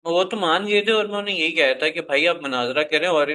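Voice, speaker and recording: High, bright-voiced male moderator. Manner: pleading, calming, urging civility. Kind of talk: moderating a live debate.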